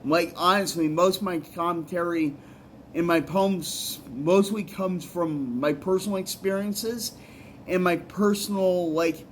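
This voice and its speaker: High-voiced, slow-talking rambling man. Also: steady tone, slight background noise. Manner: rambling, earnest, repeats himself. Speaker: musician and poet. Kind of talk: casual advice vlog.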